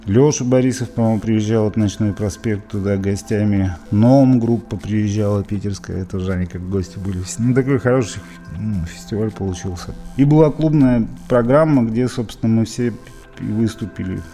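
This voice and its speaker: Low mellow russian guy rambling on in an interview, lots of fillers. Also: moderate pace, soft background music. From Izhevsk, Russia. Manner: rambling, many fillers and restarts. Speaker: interviewee, musician. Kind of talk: casual interview reminiscing.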